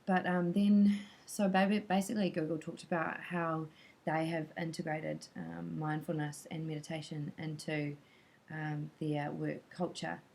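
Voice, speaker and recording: A woman's voice: low-pitched, flat delivery, unhurried, gravelly, a little mellow, poor audio. A woman casually recapping a talk she attended, chatty and hesitant with many filler sounds. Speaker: vlogger recapping a conference talk.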